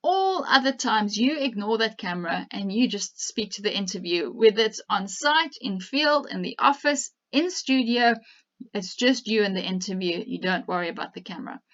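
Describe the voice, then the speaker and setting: A woman's voice: mid-range voice, lively intonation, normal speed, fairly bright tone. A woman with a South African accent giving a presentation on media training, talking directly and instructively, with frequent fillers. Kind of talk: presentation talk. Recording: dull lo-fi presentation recording.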